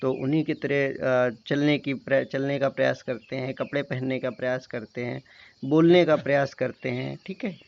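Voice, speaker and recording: A man's voice: medium pitch, steady tone, normal speed, gravelly. A man teaching an explanatory lecture, who often stops to check that his listeners are following. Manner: repeats "theek hai" to check understanding. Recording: dull lo-fi recording.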